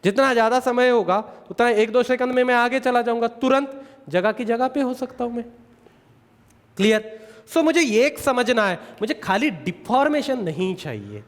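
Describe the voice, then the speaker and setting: A man giving an exam coaching lecture, repeating key points, asking the class rhetorical questions and slowing down to dictate definitions. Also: very high voice, animated, long reverb tail. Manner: slows to dictate English definitions.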